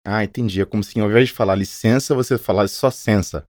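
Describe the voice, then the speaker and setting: A man's voice: fairly low pitch, fast talker, darkish tone, no room sound, studio quality. A man with a Brazilian Portuguese accent playing the curious learner on a scripted educational podcast, asking questions and joking.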